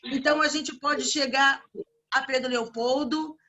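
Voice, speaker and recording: Over a video call, a woman who organizes and evangelizes for an online spiritual meeting talks casually and unhurriedly in a voice that sits high with fairly even intonation. Her warm religious farewells come with many restarts.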